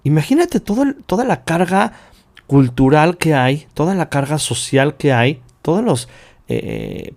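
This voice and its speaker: A Mexican man hosts a self-help podcast, speaking earnestly and directly to the listener in long chains of repeated phrases. His voice is medium in pitch with a darkish tone.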